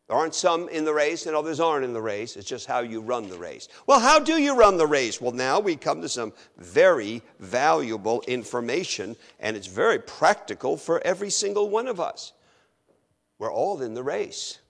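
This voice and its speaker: A middle-aged man preaching a sermon, acting out his listeners' objections in an animated way. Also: fairly high pitch, moderate pace.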